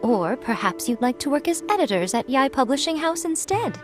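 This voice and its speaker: A woman's voice: high-pitched, sing-song, normal speed, music in the background. A woman voicing a sly, refined head priestess in a video game, with a teasing, smug and elegant manner. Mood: amused, coaxing. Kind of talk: English game voice acting.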